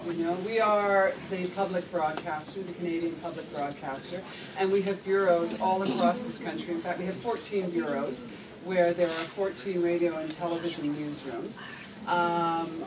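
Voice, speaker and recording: A woman's voice: fairly low pitch, recorded from a distance. A woman managing editor giving visitors an informal explanatory talk in a newsroom. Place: working newsroom. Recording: noisy room, off-mic pickup.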